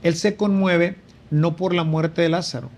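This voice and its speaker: A man's voice: fairly high pitch, steady tone, unhurried, darkish tone. A man, a priest sharing a conversational spiritual reflection and rising for emphasis. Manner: reflective, with frequent fillers and emphatic rises.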